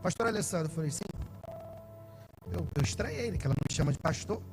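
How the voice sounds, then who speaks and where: A man preaching as a pastor, telling stories to his congregation and rising into shouted peaks. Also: a little high, expressive, fast talker, loud music behind the voice, rough recording. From Brazil. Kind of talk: sermon.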